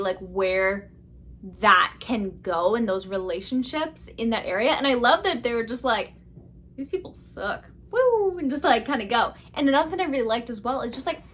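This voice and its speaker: Gushing young woman, bright pitch. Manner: gushing and excitable, many fillers and laughs. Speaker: book reviewer. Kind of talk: casual book review vlog.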